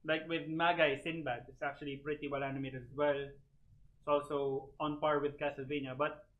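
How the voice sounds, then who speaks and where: A man's voice: fairly high pitch, level tone, moderate pace, narrow, tinny audio. A man on a casual gaming podcast giving opinionated takes, thinking aloud with many fillers. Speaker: podcast co-host.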